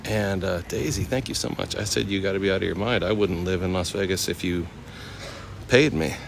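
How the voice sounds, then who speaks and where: Speaking fairly quickly in a low, creaky voice, a West Coast American chef and livestreamer in his forties walks outside through a temple complex. He tells his live viewers stories in a relaxed, slangy manner. The recording has noisy outdoor ambience and passing vehicles.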